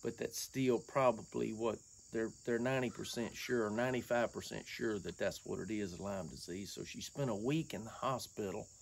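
Folksy man with a gravelly voice. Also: on the low side, moderate pace, hardly any pauses, a little hiss or hum. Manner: folksy, rambling, drawling with y'all. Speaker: woodworking vlogger. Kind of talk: casual chat to camera. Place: outdoors under an open sawmill shed, insects around.

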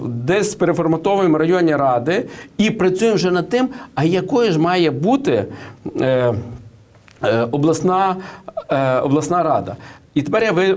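A man, speaking in a fairly high register, gives political and economic commentary in an interview. He hesitates often, restarting his sentences, and leans on anecdotes to make his points. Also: expressive, normal speed, a little mellow. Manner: hesitant, many fillers and restarts, tells anecdotes. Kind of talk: studio interview.

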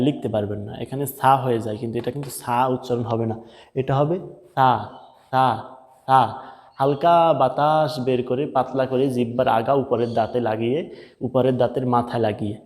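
Male Quran reading teacher, mid-pitched, patient syllable drills, recorded in a room with a long echo tail. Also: darkish tone. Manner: repeats syllables slowly, explains mouth and breath placement. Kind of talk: step-by-step pronunciation lesson.

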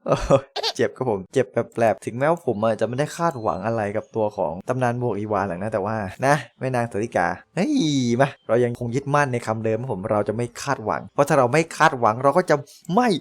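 A man's voice: medium pitch, quick pace. A man hosting a gaming channel, giving casual, self-mocking commentary while opening game draws, with playful mock-archaic phrasing.

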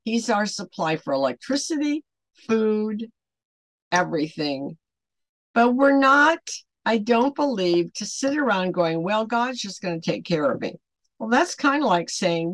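In a dry recording made indoors in a small furnished home room, an online ministry host around seventy years old talks to camera with a lowish voice. Her unscripted devotional talk wanders, is emphatic, and is full of rhetorical questions.

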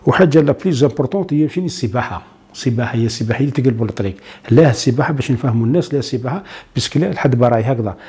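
Rapid-fire Algerian doctor, dark voice. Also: male voice, mid-range voice, animated. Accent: Algerian Arabic. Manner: mixes French medical terms into dialect; lists points step by step. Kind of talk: medical explanation to TV viewers.

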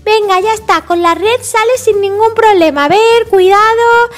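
A bossy little sister piglet scolds and fusses in a very high, squeaky voice, as a woman puts her on. Her Spain Spanish accent is clear, and she sighs over her brother between quick remarks. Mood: fussing. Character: bossy little girl pig, big sister.

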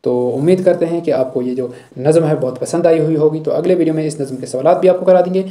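A man with a very dark, mellow voice teaches a school poem line by line. He recites each verse slowly, then breaks it down in plain explanation, often checking in with "thik hai". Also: on the high side. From Jammu and Kashmir.

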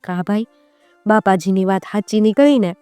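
A gentle, wise old ship captain, voiced by a woman storyteller, speaking softly. Dry, close sound with faint music behind. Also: mid-range voice, moderate pace, clear, resonant tone, no echo, natural voice. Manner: soft, kindly.

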